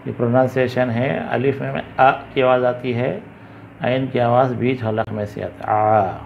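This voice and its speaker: Man, gravelly voice, slow patient alphabet teacher, dull lo-fi sound. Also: mid-range voice, level tone. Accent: Indian Urdu. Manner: patient, repeats each sound loudly and slowly. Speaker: Urdu teacher. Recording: dull lo-fi recording with faint background hiss.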